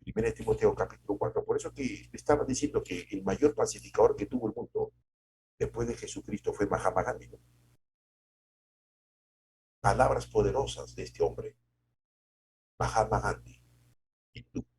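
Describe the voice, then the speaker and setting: A man preaching a devotional sermon as a pastor, conversational with tag questions, moving between loud emphasis and soft asides. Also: lowish voice, moderate pace, long pauses, a little hiss or hum.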